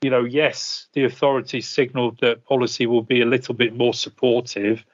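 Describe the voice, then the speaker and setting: A man's voice: mid-range voice, flat delivery, fairly quick, highs cut off. A man speaking as a guest strategist, giving unscripted market commentary in a hesitant, hedging way. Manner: hesitant, hedging, repeats words as he thinks. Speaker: investment strategist, interview guest.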